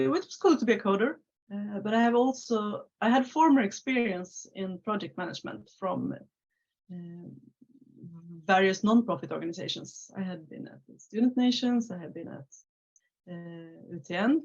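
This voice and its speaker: A Swedish woman in her thirties, with a Swedish accent, chats casually as an interview guest over a video call, full of filler sounds and restarts. Her mid-range voice is a little mellow, and the call audio is slightly muffled.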